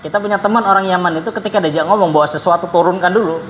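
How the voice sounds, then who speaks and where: A man's voice: high voice, fairly bright tone. Man teaching an Arabic class in an echoey room. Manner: patient, repeats drills slowly, drawn-out question intonation. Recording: echoey room with faint background noise.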